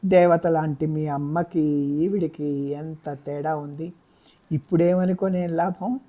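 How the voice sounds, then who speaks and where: A woman reading a novel aloud, voicing a guilt-ridden older father who speaks softly and apologetically. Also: sits low, lo-fi sound. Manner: soft, apologetic. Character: remorseful helpless older father.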